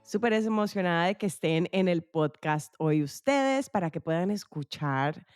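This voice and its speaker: A woman's voice: fairly low pitch, lively intonation, normal speed, a little mellow, faint music behind. A woman hosting a podcast interview, chatty and enthusiastic, with fillers and restarts. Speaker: podcast host. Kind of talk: casual interview.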